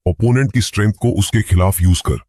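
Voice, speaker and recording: A man's voice: on the low side, fairly quick, dark tone, dry recording, clean studio sound, lightly acted. A man voicing a grumpy, sarcastic old male master who talks bluntly and scolds. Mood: gruff.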